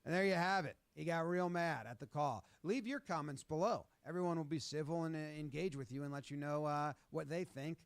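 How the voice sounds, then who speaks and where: A man giving a wry, quick play-by-play breakdown of game footage. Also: on the high side, gravelly, no room sound. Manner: quick, wry, joking narration. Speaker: sports video narrator.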